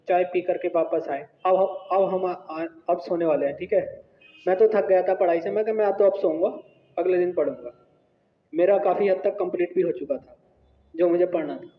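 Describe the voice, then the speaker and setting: A male teacher telling a personal story to his class in an animated, conversational way. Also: high voice. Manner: animated, conversational, asks "right?". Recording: echoey hall, tinny phone-like sound.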